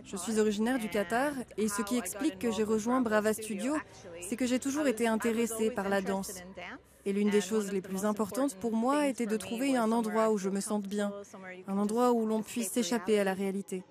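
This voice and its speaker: A woman reading translated interview answers as a calm voice-over. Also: mid-range voice, brisk, a crowd in the background. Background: background music.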